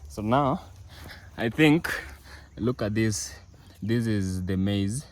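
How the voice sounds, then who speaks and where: Outdoors on his family farm, a young East African village vlogger walks viewers around, speaking casually with many fillers and restarts. His fairly low voice is expressive and slow, with slight background noise.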